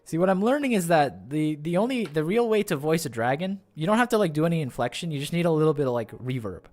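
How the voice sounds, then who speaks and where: A man's voice: a little high, sing-song, fast talker, darkish tone. Male game streamer: casual, rambling reaction commentary, jokey questions, music in the background. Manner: rambling, joking, asks rhetorical questions.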